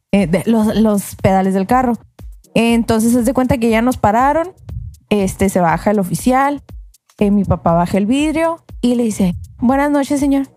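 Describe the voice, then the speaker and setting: A woman telling a long anecdote in casual podcast chat, acting out the voices of the people in it. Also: a little high. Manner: animated, acts out voices in her anecdote. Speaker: podcast co-host telling a story.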